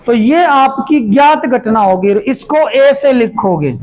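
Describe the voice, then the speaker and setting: A man teaching a maths lesson, going through each step slowly and repeating it while he writes it out. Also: extremely high pitch, animated, a little mellow, low-quality recording. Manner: slow, repeats steps as he writes. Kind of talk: classroom lesson explanation.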